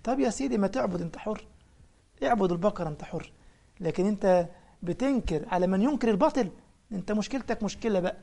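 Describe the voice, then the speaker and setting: A man's voice: high voice, lively intonation, quick pace, vocal fry, pauses often, warm tone. A man with an Egyptian accent preaching a colloquial religious lesson, telling anecdotes and firing off mocking rhetorical questions. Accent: Egyptian Arabic.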